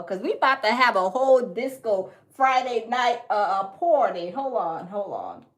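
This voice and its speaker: Hosting a relaxed livestream, a woman from the American South talks in a high-sitting, fairly bright voice with a Southern accent. She's chatty and folksy, repeats herself, and reads viewer comments out loud.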